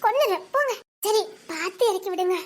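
A woman playing a very high-voiced, teasing young wife. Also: animated, brisk. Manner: teasing, playful.

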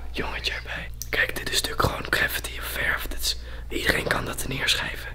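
Young man whispering, uneasy. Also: a little fast. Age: 20s. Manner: whispering while hiding, uneasy. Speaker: vlogger. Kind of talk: hushed exploration vlog. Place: abandoned building and nearby woods. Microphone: handheld camera at arm's length. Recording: music under whispered speech.

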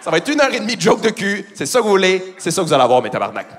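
Delivering a foul-mouthed stand-up set in a Québécois French accent, a man ribs his live theatre audience from the stage. He sounds high-pitched and sing-song, talking very quickly over background noise.

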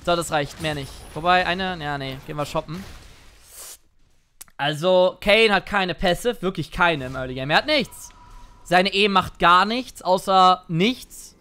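A man commentating his own gameplay in a playful, excitable way, now and then jumping into shouts. He talks into a headset or desk mic at a home gaming setup. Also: high voice, unhurried, clean tone. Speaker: gaming streamer. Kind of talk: let's play commentary.

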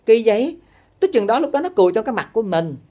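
A woman's voice: fairly high pitch, very animated, rapid-fire, mellow. A woman with a Southern Vietnamese accent ranting comically to her audience in a blunt, exaggerated way. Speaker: vlogger.

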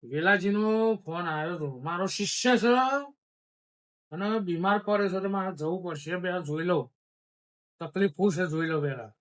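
A man's voice: high-pitched, normal speed. A man with a Gujarati accent playing a boastful village faith healer in an amateur comedy skit. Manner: boastful, loud.

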